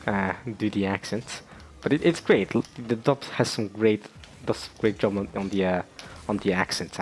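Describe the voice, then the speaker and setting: A man's voice: fairly low pitch, slight background noise. A young man vlogging in a casual, rambling way, with many fillers and restarts, often breaking into laughter. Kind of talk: casual chat.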